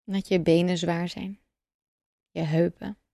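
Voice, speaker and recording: A woman guiding a breathing meditation, speaking calmly and slowly in a soothing way with long pauses. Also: on the low side, gravelly, dry recording, studio quality. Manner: calm, slow, soothing instruction with long pauses. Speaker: meditation guide. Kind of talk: guided breathing meditation narration.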